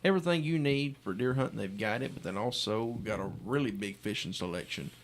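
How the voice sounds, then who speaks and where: Male radio host, mid-pitched with a creaky edge, folksy and casual, running an on-air contest promo. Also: fairly quick, slight background noise. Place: radio studio.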